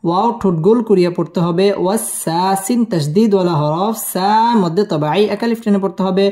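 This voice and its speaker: A woman teaching Quran recitation, spelling out each word syllable by syllable and then slowly chanting the verse. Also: fairly low pitch, dark tone. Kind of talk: slow spelling-out tajweed lesson.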